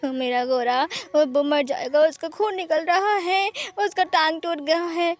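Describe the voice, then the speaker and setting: A woman's voice: high-pitched, moderate pace, fairly bright tone, soft background music. A woman voicing a grown man who talks and whines like a five-year-old boy, in a fan fiction reading. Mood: wailing. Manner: whiny, sobbing over a broken toy.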